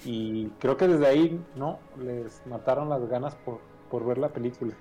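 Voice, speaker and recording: Mexican guy guesting on a podcast, mellow voice, faint music behind. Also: medium pitch, normal speed. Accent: Mexican Spanish. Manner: relaxed, explains with examples. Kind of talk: casual podcast chat.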